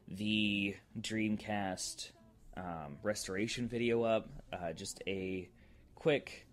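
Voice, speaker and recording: A man hosting his own podcast, giving a casual, rambling update with many ums and restarts. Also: low voice. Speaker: podcast host.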